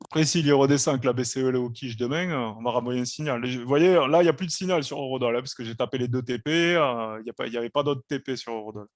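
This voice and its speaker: A man's voice: medium pitch, racing, few pauses, no echo. Man hosting a live trading stream, dry sound. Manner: relaxed, explanatory, repeats "hein" and "quoi".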